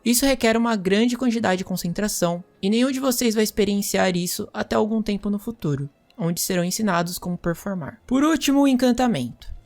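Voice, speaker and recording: A woman playing a magic teacher, lecturing students in a measured, explanatory way. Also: mid-range voice, a little mellow. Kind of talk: scripted role-play lecture.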